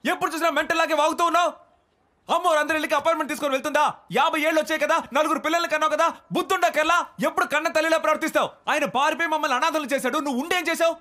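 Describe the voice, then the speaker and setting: An actor dubbing a frustrated young reporter and eldest son, who snaps in exasperation. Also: male voice, high voice, lightly acted. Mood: yelling. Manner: rapid, exasperated, snapping. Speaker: television news reporter. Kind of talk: dubbed film dialogue.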